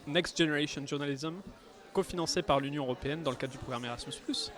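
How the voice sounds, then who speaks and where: Man hosting radio amid crowd chatter. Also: fairly high pitch. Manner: hesitant, many fillers. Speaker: radio host. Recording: crowd noise at a public event.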